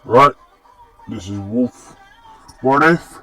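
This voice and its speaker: Slow, rambling male storyteller, casual; dry, distant mic. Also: mid-range voice, expressive, pushed and bright, soft background music. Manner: rambling, with restarts. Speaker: fan story narrator.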